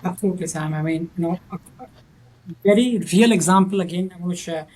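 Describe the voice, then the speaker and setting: This is a fast-talking podcast host with a thick Indian accent and a high-pitched, darkish voice, interviewing a guest. He restarts sentences again and again and keeps adding "right?" Faint music plays behind him, and the audio quality is poor.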